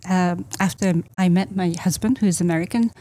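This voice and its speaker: Japan-born female realtor, middle-aged, hesitant and filler-heavy, dark tone. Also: on the low side, brisk. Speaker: real estate agent. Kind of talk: interview answers.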